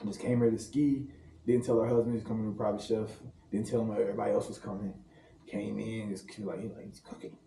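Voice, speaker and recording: A man's voice: lowish voice, little pitch movement, fast, vocal fry, dark tone, a little hiss or hum. A man from St. Louis, a private chef, chatting casually as a podcast guest, telling loose, laughing, slangy stories. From St. Louis, Missouri. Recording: roomy room, distant mic, faint ambience.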